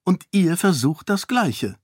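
A man's voice: high-pitched, very animated, slow pace, husky, no echo, clean studio sound, voice pushed up, full character voice. A man voicing a self-assured young princess who speaks frankly and cuttingly in a storybook reading. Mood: cool.

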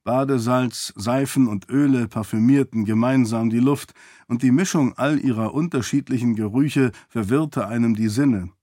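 A man narrates a fantasy novel in an even, measured way, his voice at a middle pitch. The sound is dry and close, with no room around it. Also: no room sound. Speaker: audiobook narrator.

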